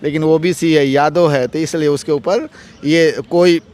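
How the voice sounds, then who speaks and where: A man with a somewhat high voice speaks as an interviewed advocate. He argues forcefully, piling up rhetorical questions and repeated phrases. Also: fairly even intonation, measured pace. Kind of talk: heated political interview.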